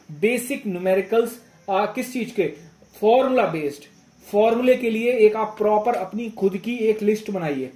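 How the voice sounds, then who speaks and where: With a high-pitched voice and dark tone, a man acts as a teacher giving informal exam guidance. Recorded in an echoey room, he is instructive, repeats phrases, and often checks that listeners are following.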